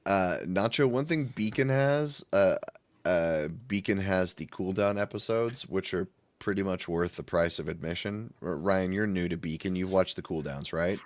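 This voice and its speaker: Deep-voiced man hosting casual chat. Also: normal speed, no room sound. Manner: relaxed, playful asides. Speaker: podcast host.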